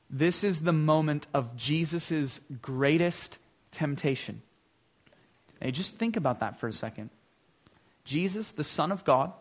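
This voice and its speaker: A man preaching a sermon as pastor. He builds emphasis, slows down for scripture readings and often repeats a word as he starts a thought. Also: a little high.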